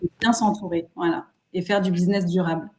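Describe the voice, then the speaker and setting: A woman's voice: fairly low pitch, steady tone, fairly quick, noisy background. A woman, a guest speaking earnestly and reflectively in a casual interview. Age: 30s. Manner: earnest, reflective, many fillers. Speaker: guest entrepreneur.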